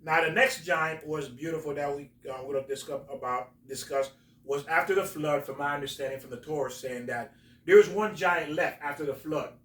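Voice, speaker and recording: A man hosting a talk, explaining religious stories in a halting, emphatic storytelling way. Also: a little high, fairly bright tone. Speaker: host, religious teacher. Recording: roomy echo, distant from mic.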